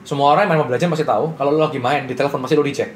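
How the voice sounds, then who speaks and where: A young man talks very fast as a guest in a casual interview. He tells his business story with bold, brash confidence. A roomy echo and faint noise surround his voice. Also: medium pitch, fairly even intonation.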